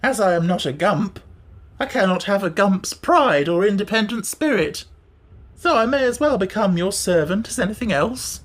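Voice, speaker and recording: A man voicing a huge flying creature with a squeaky voice, speaking in formal, mournful phrasing in an audiobook. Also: expressive, moderate pace. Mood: plaintive. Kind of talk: audiobook character voice.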